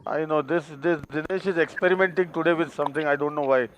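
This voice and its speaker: Indian man, high voice, glitching call audio, breaking up, slow anatomy explanation, faint hiss. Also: a bit bright, dull audio. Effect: glitching, breaking audio over a video call. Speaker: anatomy demonstrator. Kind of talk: live online dissection teaching. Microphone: video call.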